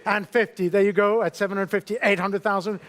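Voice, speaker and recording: In a London auction saleroom, a male fine art auctioneer with a high-pitched voice runs a live sale. He speaks fast and steadily with a fairly bright tone, echoing the figures in short phrases and politely prodding bidders with quick questions.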